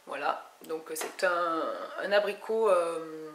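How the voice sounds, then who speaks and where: A woman's voice: on the low side, steady tone, slow. A woman from France chatting casually through a beauty haul, hesitating often and restarting her sentences. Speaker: beauty vlogger. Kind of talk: casual haul video chat. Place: home room. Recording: echoey room with faint noise.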